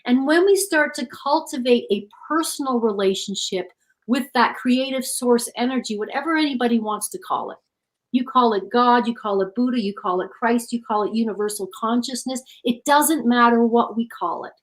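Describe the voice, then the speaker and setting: A woman's voice: a little high, moderate pace, rough recording. A middle-aged woman, an author being interviewed, speaking in an earnest, reflective storytelling way. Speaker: author and guest. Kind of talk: interview conversation.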